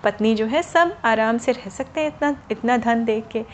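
A woman voicing a poor, elderly male priest who exclaims in excitement. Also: very high-pitched, moderate pace, a little hiss or hum. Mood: delighted. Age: older.

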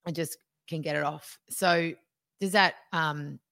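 A woman co-hosting a podcast, talking in a chatty, animated way with frequent ums. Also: sits low, a little slow, gravelly, no room sound, clean studio sound. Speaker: podcast co-host. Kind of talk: casual conversation.

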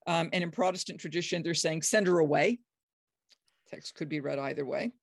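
A biblical scholar, middle-aged or older, talking with enthusiasm and emphasis and breaking into high, acted quotes. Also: fairly even intonation, fast, creaky, dry recording, clean studio sound. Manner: acts out quoted speech with sudden high pitch jumps; emphatic, enthusiastic, frequent restarts. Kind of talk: animated explanatory conversation.

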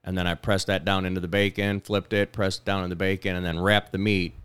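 A man's voice: sits low, flat delivery, fast talker, a bit bright, clear, resonant tone, dry recording. A man co-hosting a podcast in casual, blunt and profane chat. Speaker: podcast co-host.

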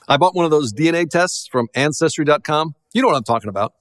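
A middle-aged man, a pastor, preaching a sermon in a lively, conversational way with self-deprecating jokes. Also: fairly high pitch, quick pace.

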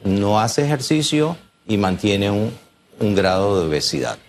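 A man's voice: on the low side, big pitch swings, measured pace, a little mellow, slight background noise. A man speaking as a doctor in an interview, explaining emphatically and repeating key phrases.

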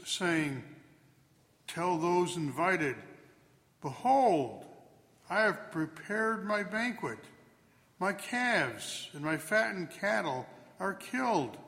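Slow, echoing male Gospel reader in a cathedral. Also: sits high, fairly bright tone. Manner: measured, declamatory, with rising and falling cadence. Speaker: clergyman proclaiming the Gospel at Mass. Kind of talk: solemn liturgical scripture reading. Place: large reverberant church. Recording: cathedral echo, long church reverb.

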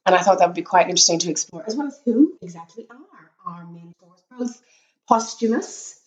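A middle-aged woman with a croaky voice from a cold, hosting a casual podcast chat with lots of fillers and restarts. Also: fairly low pitch, expressive, a little fast, far from the mic. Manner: chatty, many fillers and restarts. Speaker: podcast host. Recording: echoey room.

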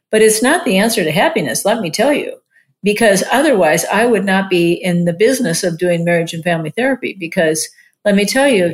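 A woman in her sixties, a marriage and family therapist, talking casually in an interview and often using "like" as a filler. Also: medium pitch. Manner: chatty, warm-hearted, many "like" fillers.

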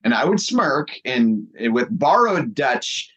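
A man's voice: medium pitch, very animated, takes it slowly, fairly bright tone, husky, dull audio. Playful, chatty man hosting a talk. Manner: enthusiastic, playful, many restarts. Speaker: podcast host. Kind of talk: casual conversational interview.

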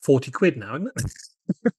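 A man hosting a podcast interview, dropping quick dry quips and teasing follow-up questions. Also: medium pitch, sing-song, husky, no room sound. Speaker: podcast host. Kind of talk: casual interview chat.

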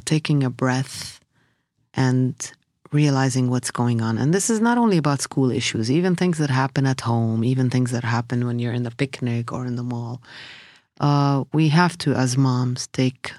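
A woman hosts an interview and asks measured, reflective questions. She pauses to sum up lessons in an even, thoughtful way. Her voice sounds dry and close. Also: very deep voice, dry recording. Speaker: host interviewer.

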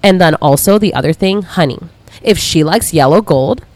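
A woman's voice: fairly low pitch, normal speed, no echo. Blunt, foul-mouthed woman giving advice. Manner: blunt, heavily profane, laughs often; gushing and animated when excited. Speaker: podcast host. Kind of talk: casual advice podcast, reading listener messages.

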